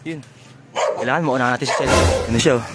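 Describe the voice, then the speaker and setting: A man vlogging about his racing pigeons outdoors, talking excitedly in a running commentary, sweaty and out of breath. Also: medium pitch, quick pace, over loud music. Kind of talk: casual vlog commentary. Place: outdoors at a backyard pigeon loft. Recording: noisy outdoor recording.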